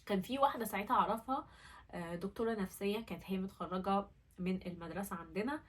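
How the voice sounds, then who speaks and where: A woman's voice: medium pitch, racing, slightly rough, distant mic. A young woman with an Egyptian Arabic accent tells her own story in an earnest, candid and emotional way. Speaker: vlogger. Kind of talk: personal storytelling vlog.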